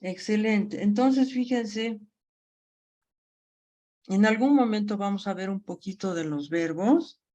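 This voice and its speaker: A woman's voice: mid-range voice, dark tone, highs cut off. A woman teaching a grammar lesson, explaining patiently and often checking that the class follows. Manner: slow, patient explaining with frequent check-ins.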